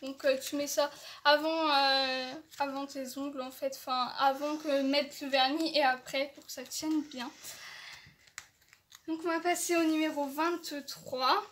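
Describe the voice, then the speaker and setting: A woman's voice: high-pitched, fairly even intonation, unhurried, a bit bright, slight background noise. A woman casually showing off beauty products from an advent calendar, hesitant, with many fillers and restarts, and enthusiastic about each item. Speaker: beauty vlogger.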